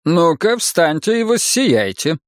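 A man reading an audiobook, voicing a brisk male servant who is dryly polite and prodding. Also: fairly high pitch, big pitch swings, no room sound, clean studio sound, voice pushed up.

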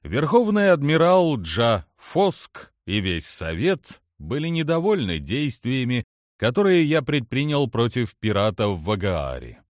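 A man reading the lines of a calm, analytical alien male commander in an audiobook, measured and precise. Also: mid-range voice, no room sound, clean studio sound. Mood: calm, composed.

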